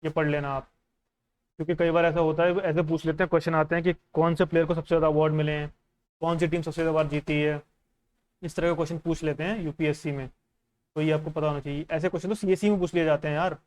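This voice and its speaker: Smooth-voiced man coaching exam students. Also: a little high, flat delivery, fast. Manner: conversational and instructive, often checking in with the listener; mixes in English phrases. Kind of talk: casual teaching while going through a newspaper.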